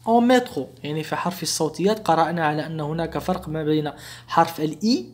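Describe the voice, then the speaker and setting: A man teaching a beginner language lesson, saying each example slowly and clearly and then explaining it quickly, with patient restatements. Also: a little high. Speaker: French teacher.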